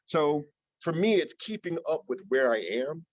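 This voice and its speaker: A man speaking as a panel guest in casual discussion, relaxed and often repeating words as he thinks. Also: a little high, normal speed, no room sound, lo-fi sound.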